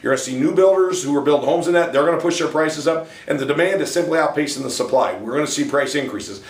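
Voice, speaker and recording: A man's voice: a little high, fast talker. A man presenting a monthly real estate market update as a company president, folksy and emphatic, speaking straight to buyers. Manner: folksy and emphatic, joking between figures; walks through slides and addresses buyers directly. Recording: echoey room, mic at a distance.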